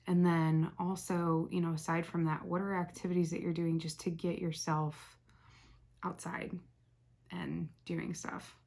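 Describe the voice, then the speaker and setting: A young woman hosting a casual, chatty makeup tutorial, rambling softly as she works and often dropping to a near whisper. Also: fairly low pitch, level tone, a little slow, creaky. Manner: rambling, soft-spoken, talks while working, often drops to near whisper.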